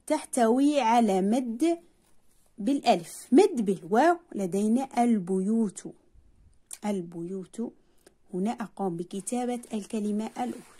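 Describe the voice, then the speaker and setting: A woman's voice: a little high, warm tone, breathy edge. A woman teacher, patiently explaining a primary school lesson and drawing out sounds to demonstrate them.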